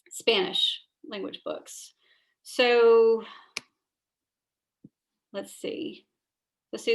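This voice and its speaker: A school librarian leads a teacher training over a video call, sharing her screen as she chats. Her fairly high, slightly bright voice sounds tired and scratchy, and she uses many fillers and restarts.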